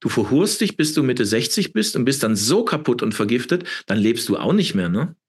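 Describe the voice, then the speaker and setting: A man's voice: mid-range voice, very animated, a little fast, husky. A man in his fifties talking as an interview guest, emphatic and preachy, often repeating words and ending with a questioning tag. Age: 50s. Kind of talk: impassioned interview talk.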